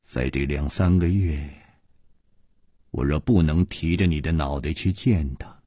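A doomed, poisoned woman speaks in a hushed, trembling whisper, very low and soft, as a male storyteller puts her on. The breathy voice sinks down almost to nothing. Husky and dry. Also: steady tone, unhurried, no echo, heavily acted. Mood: sorrowful whisper. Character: poisoned, grieving woman facing death.

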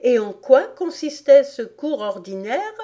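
A polite, inquisitive little girl from a storybook , voiced by a woman reader. She speaks a little higher than the narration, prim and questioning, with a soft, mellow tone. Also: big pitch swings, a little slow.

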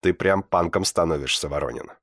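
A man's voice: low-pitched, brisk, fairly bright tone, no echo. Man voicing a lazy teen smoker, dry mic. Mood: offhand. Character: laid-back teenage boy smoker. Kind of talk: audiobook reading.

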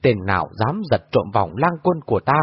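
A man voicing a fierce, imperious woman martial sorceress who shouts commands in a shrill voice. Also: sing-song, brisk, breathy edge, no room sound. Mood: indignant. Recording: dull lo-fi audio.

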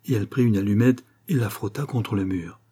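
Low, husky male audiobook narrator. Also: a little fast, mellow. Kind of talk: audiobook reading of a novel.

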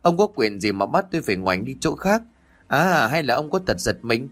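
A man's voice: big pitch swings, moderate pace, a bit bright. A man voicing a foul-mouthed old village woman who rants curses at her neighbors over a stolen hen, over faint background music. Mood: defiant. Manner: shrill, spiteful ranting curses.

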